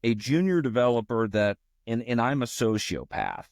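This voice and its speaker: A man's voice: medium pitch, moderate pace, vocal fry, no echo, studio quality. Exasperated man swearing while coding. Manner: frustrated, swears constantly at the AI tool, lively. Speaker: podcast host coding on screen. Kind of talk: casual screen-share commentary while coding.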